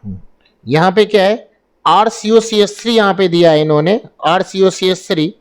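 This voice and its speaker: A man's voice: sits high, clear, resonant tone. A man teaching an exam-prep chemistry lesson. He asks himself questions and answers them, repeating the key terms as he goes.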